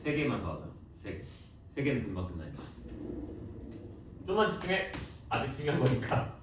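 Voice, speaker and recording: A male math teacher giving a classroom lecture, lively and teasing, quizzing students with quick questions. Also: mid-range voice, noisy background. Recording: echoey classroom, voice from far off.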